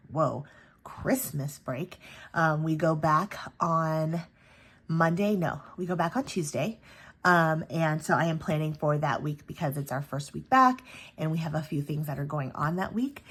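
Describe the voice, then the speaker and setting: Husky and deep, with a fairly bright tone, a woman who hosts a planner sticker channel talks a little slowly through her weekly planner setup in a casual vlog. A cold has left her stuffy-nosed, and she says "um" a lot and keeps correcting herself.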